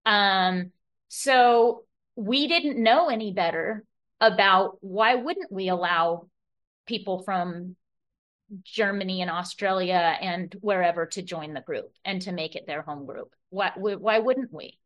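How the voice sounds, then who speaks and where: A middle-aged woman speaks to a room full of people at a meeting, sharing her story in a loose, conversational way. She restarts her sentences often and keeps tossing out little rhetorical tags to the room. Her pitch sits in an ordinary middle range for a woman. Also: takes it slowly, fairly bright tone, highs cut off. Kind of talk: personal share at a meeting.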